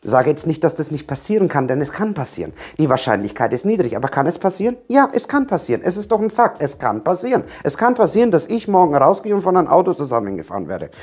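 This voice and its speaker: A man's voice: a little high, sing-song, fast talker, hardly any pauses, darkish tone, husky. A man giving a direct-to-camera coaching talk on anxiety, emphatic, repeating key words and firing rhetorical questions at the viewer.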